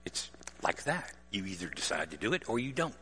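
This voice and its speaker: Lively preacher in a ringing hall. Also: male voice, low voice, fairly quick, slightly rough. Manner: animated, asks the listeners rhetorical questions; explains religious terms plainly. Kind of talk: sermon.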